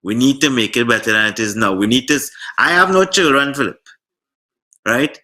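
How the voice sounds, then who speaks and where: Earnest Trinidadian man with bright voice. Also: mid-range voice. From Trinidad and Tobago. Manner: earnest, heartfelt, slightly halting. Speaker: guest. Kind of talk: casual political chat.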